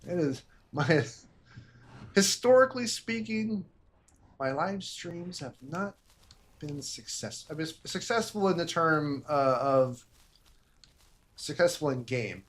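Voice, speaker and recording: A man's voice: on the high side, expressive, takes it slowly, pauses often, slightly rough. A young man casually commentating his own livestream, self-deprecating and rambling, muttering to himself. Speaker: gaming livestreamer.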